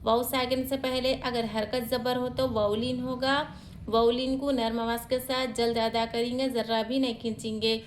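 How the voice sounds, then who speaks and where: A woman teaching Quran reading step by step, quickly explaining rules and then sounding out syllables slowly, asking questions and answering them herself. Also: fairly high pitch, level tone, slight background noise. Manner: alternates quick rule explanations with slow drawn-out syllable reading. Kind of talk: step-by-step recitation lesson.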